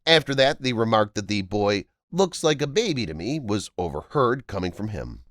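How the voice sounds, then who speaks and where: Animated male narrator, dry close sound. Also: fairly low pitch, moderate pace, dry recording. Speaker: narrator of a viral-story video channel. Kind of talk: scripted narration.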